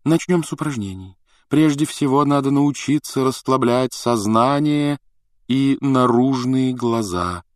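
A man voicing a dreamy, sing-song female divination teacher in a slow, drawn-out croon. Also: medium pitch, dry recording, studio quality, pitched above the performer's own voice, lightly acted.

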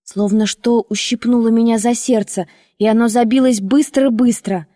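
A woman narrating a first-person audiobook in a measured, expressive storytelling manner. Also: a little high, no echo, studio quality, in a large hall.

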